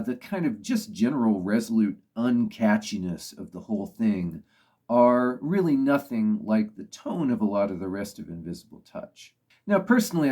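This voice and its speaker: A man with a fairly low voice talks casually and thoughtfully about music. He weighs opinions as he speaks and fills pauses with "you know". His tone is soft and dark rather than bright. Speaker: music reviewer. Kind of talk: casual spoken commentary.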